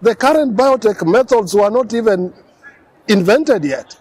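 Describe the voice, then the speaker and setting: Kenyan host with a high voice, eager questioner, outdoors. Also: male voice, expressive, measured pace, a little mellow, slightly rough, no room sound. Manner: curious, eager questioning with frequent encouraging backchannels. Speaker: interview host. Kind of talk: conversational interview. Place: outdoors on a lawn in front of a building.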